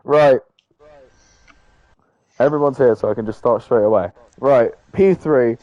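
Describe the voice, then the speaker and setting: A man's voice: mid-range voice, a little slow, darkish tone, no echo, lo-fi sound. Rambling man hosting a race recap. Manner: filler-heavy, rambling, frequent "I mean". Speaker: host of sim racing league broadcast. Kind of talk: casual post-race interview.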